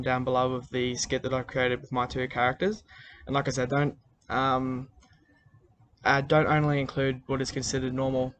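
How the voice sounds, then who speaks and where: A man giving recorded class instructions in a relaxed way, with plenty of "um"s. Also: mid-range voice, slight background noise. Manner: relaxed, many fillers. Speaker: teacher.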